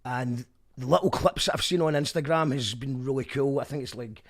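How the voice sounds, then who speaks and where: In a quick, mid-range voice, a male radio host and band musician rambles through a casual chat with lots of animation. He keeps correcting himself as he goes.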